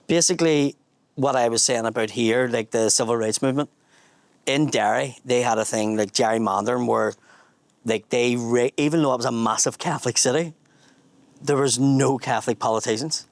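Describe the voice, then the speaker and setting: A man's voice: medium pitch, steady tone, moderate pace, no room sound. A man in his forties with a Belfast accent, a comedian guiding a casual tour outdoors and telling history in a blunt, sweary way. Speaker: tour guide and comedian host. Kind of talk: casual guided tour chat. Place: outdoors at a memorial garden in a housing estate. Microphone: small handheld mic.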